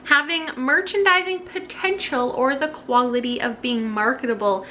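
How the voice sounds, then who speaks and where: A woman talks casually to the camera about books and odd words, with a dry, self-mocking humor. Her voice sits high and sounds clear and bright. Faint room noise hums behind her. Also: highs cut off. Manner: chatty, wry, quick to laugh at herself. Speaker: book vlogger. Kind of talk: casual vlog chat.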